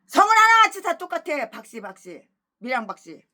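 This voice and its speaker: A woman pastor preaching an expository sermon, breaking into angry, abusive tirades that swing between shouting and low muttering. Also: big pitch swings, a little fast.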